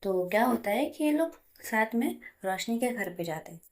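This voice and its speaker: A woman's voice: on the high side, animated, moderate pace. A woman narrating a romantic story in a plain, chatty way, voicing all the figures herself.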